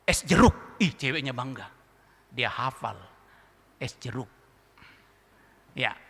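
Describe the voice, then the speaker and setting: A man's voice: medium pitch, slow pace. A male pastor, preaching a sermon and telling a funny illustration, acting out the characters and questioning the congregation. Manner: lively storytelling, mimics a speech lisp, asks the congregation questions. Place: large church hall. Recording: long church hall reverb.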